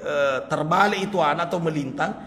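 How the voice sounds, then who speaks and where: A man's voice: fairly high pitch, brisk. A male preacher telling a story in a sermon, acting out the quoted dialogue. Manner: animated, acts out quoted dialogue with laughter. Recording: reverberant hall, faint ambience.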